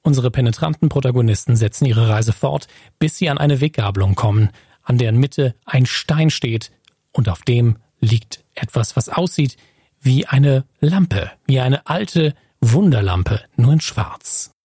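A man narrating scenes as game master in a tabletop role-play game, in brisk storytelling narration. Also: mid-range voice, animated, mellow, breathy edge, no echo, clean studio sound.

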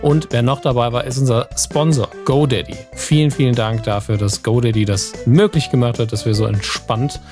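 A man's voice: mid-range voice, moderate pace, few pauses, over music. A man, a podcast host, chatting casually and joking his way through the show's sign-off. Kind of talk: casual chat and show outro.

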